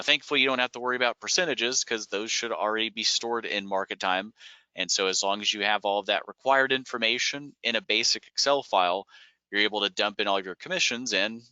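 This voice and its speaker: Bright, crisp-voiced man explaining software. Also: on the low side, brisk, no room sound, muffled recording. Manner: relaxed and explanatory, frequent "uh" and "um" fillers. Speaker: software company staff presenting product updates. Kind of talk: webinar screen-share walkthrough.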